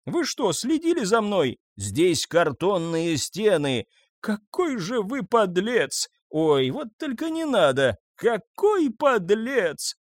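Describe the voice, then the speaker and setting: A woman's voice: fairly high pitch, sing-song, unhurried, dry recording, clean studio sound, pitched above the performer's own voice, exaggerated voice. A man voicing a frantic older mother, shrieking and tearful as she accuses a neighbour. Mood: accusing.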